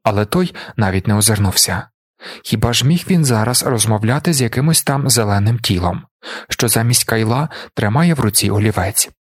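A man narrating an audiobook in a steady, measured way. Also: fairly low pitch, no echo, studio quality.

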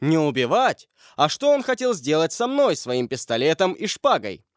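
A man's voice: on the high side, big pitch swings, moderate pace, dry recording, clean studio sound. A man reading an audiobook, voicing a brash young nobleman who mocks and commands. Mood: mocking. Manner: scornful, commanding. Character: brash mocking young Piedmontese nobleman, swordsman.

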